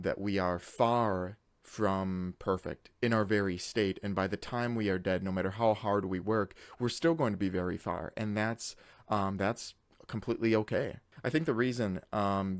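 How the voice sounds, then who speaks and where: A man hosting his own video channel, talking through his thoughts in a reflective solo monologue, often pausing on filler words and restarting sentences. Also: deep voice, no room sound. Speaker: YouTube host.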